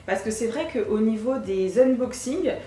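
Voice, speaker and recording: Woman beauty vlogger, chatty and upbeat, slightly high voice. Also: animated, unhurried, warm tone. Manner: bubbly, chatty, talks straight to viewers. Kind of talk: casual unboxing vlog. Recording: echoey room with faint music.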